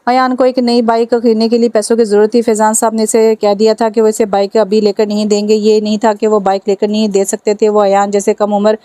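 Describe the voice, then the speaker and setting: A woman reading a romance novel aloud in a steady, even manner. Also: mid-range voice, fairly quick, few pauses, no room sound. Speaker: novel narrator.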